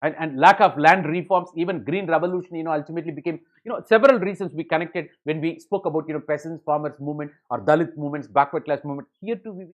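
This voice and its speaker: A man delivering an exam-coaching lecture at a brisk, rushing clip, his voice sitting a little high. He keeps stringing ideas together with "you know" and calls his students ladies and gentlemen. The recording is dull and lo-fi. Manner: rapid, filler-heavy, addresses students as ladies and gentlemen. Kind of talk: online lecture.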